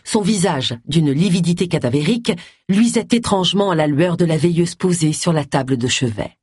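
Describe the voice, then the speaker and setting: Expressive, husky audiobook narrator. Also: medium pitch, fairly quick, no room sound, studio quality. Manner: expressive, varied delivery.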